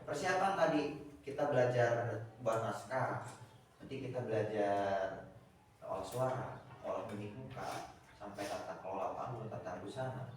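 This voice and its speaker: A man's voice: medium pitch, slight background noise. A man teaching a class, talking. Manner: rambling, with many fillers and repeated words. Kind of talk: classroom lecture. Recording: echoey classroom from far off.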